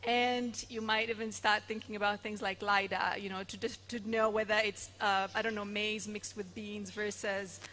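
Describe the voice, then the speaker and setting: A woman on a conference panel stage, talking through her points in a measured, explanatory way. Her voice is bright and forward, with a faint hiss of ambience behind it from the hall. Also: medium pitch, flat delivery. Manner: explanatory, measured, occasional fillers.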